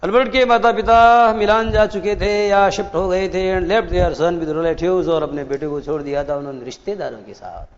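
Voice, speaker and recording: A man's voice: sits high, steady tone, normal speed, few pauses. A man with an Indian accent teaching an English class in Hindi and English. He explains step by step and asks his students questions. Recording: dull sound with long reverb.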